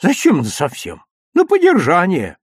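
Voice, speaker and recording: A man's voice: high-pitched, huge pitch swings, moderate pace, husky, dry recording, studio quality, pitched above the performer's own voice, exaggerated voice. A man reading a story aloud, voicing a fussy old village grandmother who scolds and grumbles. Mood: grumbling. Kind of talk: audiobook reading.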